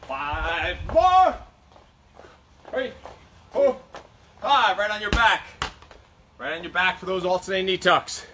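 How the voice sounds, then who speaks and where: A man working as a fitness coach, calling out short, commanding exercise cues like an energetic aerobics instructor, outdoors. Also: sits high, takes it slowly, long pauses, slight background noise. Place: outdoor backyard gym patio. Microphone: camera a few metres away.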